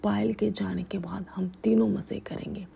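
A woman voicing a sly, coaxing middle-aged father-in-law in a whispered role-play, keeping her own hushed voice. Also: mid-range voice, steady tone, moderate pace, vocal fry, a little hiss or hum.

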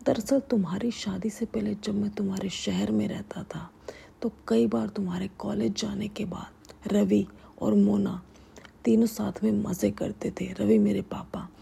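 A sly, coaxing middle-aged father-in-law, whispered by a woman in a whispered role-play. The whisper is very breathy with a heavy gravelly fry, and the tone stays dark and mellow. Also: medium pitch, fairly even intonation, unhurried, exaggerated voice.

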